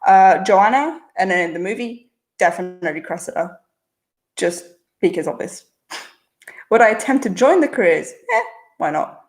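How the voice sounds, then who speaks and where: With a sing-song, medium-pitched voice, a woman hosts a livestream where she reads viewer chat questions aloud and answers them. She has a mixed international-school accent and a chatty manner, answering fast with frequent "uh"s and "um"s.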